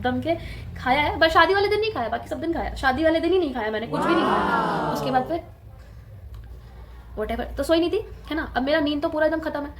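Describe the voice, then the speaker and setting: High-voiced chatty young woman vlogging. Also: slight background noise. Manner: chatty, laughs often, mixes English into Hindi. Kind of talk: casual storytelling vlog.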